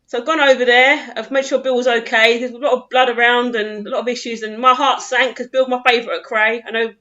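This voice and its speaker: Young woman, bright voice, chatty, laughing, hosting, muffled audio. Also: on the high side, fast talker. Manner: chatty, laughing, lively storyteller. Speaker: host, club physio. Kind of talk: casual chat.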